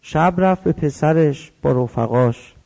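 A man's voice: a little high, gravelly, dark tone. A man preaching in the form of a story, telling it vividly and acting out the dialogue in changing voices. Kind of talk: religious storytelling sermon.

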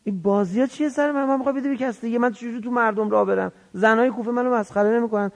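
A man's voice: sits high, steady tone, gravelly, long reverb tail, voice pushed up. A man voicing an anxious older man who pleads to keep his governorship, in a raised, strained, imploring voice. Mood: anguished.

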